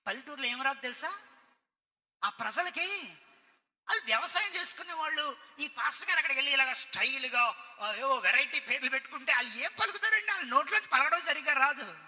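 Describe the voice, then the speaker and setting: Man, pastor, sermon, storytelling, calls on congregation, bright ringing tone, church reverb. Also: extremely high pitch, fast talker. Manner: lively storytelling, questions to the congregation.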